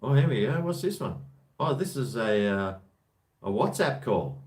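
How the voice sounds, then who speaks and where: A man's voice: mid-range voice, sing-song, moderate pace, darkish tone. An Australian man hosting a call-in chat, joking with callers in a blokey, slangy way. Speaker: host of a live call-in show.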